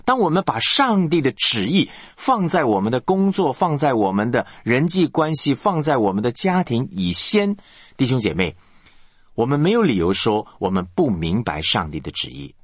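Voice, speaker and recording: A man's voice: medium pitch, sing-song, normal speed, husky, dry recording. A male pastor preaching a sermon, asking the congregation rhetorical questions.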